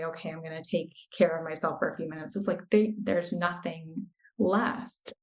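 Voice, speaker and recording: A woman in her thirties appears as a guest on a podcast and speaks as a coach. Her voice sits slightly low, and she talks slowly and earnestly, explaining things carefully. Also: low-quality recording. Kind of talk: interview conversation.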